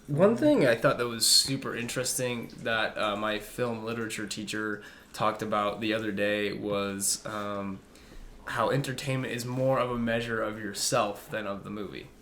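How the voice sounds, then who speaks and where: A man's voice: medium pitch, fairly even intonation, a little slow, slight background noise. A young man hosting a casual podcast chat, talking hesitantly with many fillers and restarts. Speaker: podcast host.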